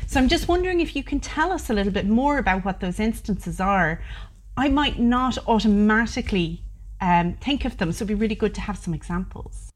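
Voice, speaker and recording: A woman with an Irish accent interviewing her sister-in-law in a measured, thoughtful way. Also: mid-range voice, animated. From Ireland. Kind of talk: recorded conversation.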